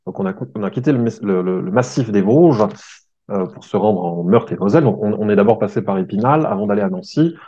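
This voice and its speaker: A man's voice: lowish voice, animated, fairly quick, dark tone. Chatty man telling a trip story. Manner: chatty, many fillers and restarts, addresses listener as "tu vois". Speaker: travel vlogger. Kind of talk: casual storytelling to the viewer. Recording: dull lo-fi sound.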